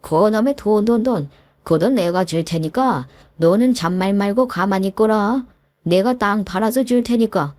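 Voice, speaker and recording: A woman's voice: medium pitch, moderate pace, darkish tone, no echo, studio quality, close to an everyday voice. A woman voicing an angry, domineering older father-in-law who scolds his daughter-in-law in a narrated story. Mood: scolding. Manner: scolding, gruff and bossy.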